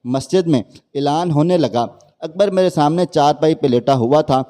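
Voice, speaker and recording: A man's voice: on the high side, warm tone. A man reading out a woman's sad first-person story as scripted narration.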